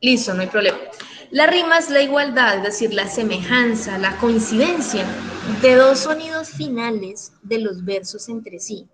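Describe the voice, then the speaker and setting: A woman teacher giving an online class. She speaks affectionately, keeps checking in with her students and spells word endings out slowly. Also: a little high, lively intonation, noisy background.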